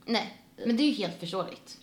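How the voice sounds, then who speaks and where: A woman's voice: medium pitch, expressive, reverberant. A woman from Sweden hosting a casual conversation, backing up her guest with short affirmations and asking follow-up questions. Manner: supportive listener, short affirmations. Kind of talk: casual chat.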